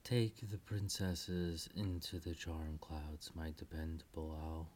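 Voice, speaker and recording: A woman voicing a gentle fairy queen and mother in a storybook, speaking softly in a comforting, near-whispered tone. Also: very deep voice, little pitch movement, slow pace, slight background noise, pitched below the performer's own voice. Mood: tender.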